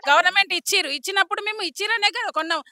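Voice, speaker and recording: A woman's voice: very high voice, very fast. A woman, a resident asking worried, pleading questions. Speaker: local resident protesting. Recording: loud crowd around.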